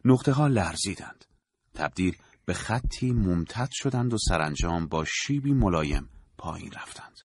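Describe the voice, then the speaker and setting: Deep husky guy reading a story out, measured and dramatic, varied intonation. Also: animated, no echo. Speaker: narrator. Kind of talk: scripted audiobook narration.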